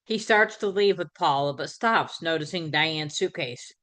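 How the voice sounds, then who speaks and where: A woman hosting a podcast, casually recapping a sitcom episode in a conversational way, with fillers and quick self-corrections. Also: deep voice, fairly bright tone. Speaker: podcast host.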